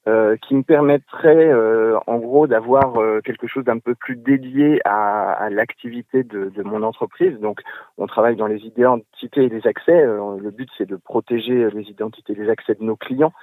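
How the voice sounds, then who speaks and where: A man leaving a voice message for a podcast, hesitant and halting, stopping often to search for words. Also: on the low side, no echo, narrow, tinny audio. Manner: hesitant, many fillers and restarts. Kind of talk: recorded voice message.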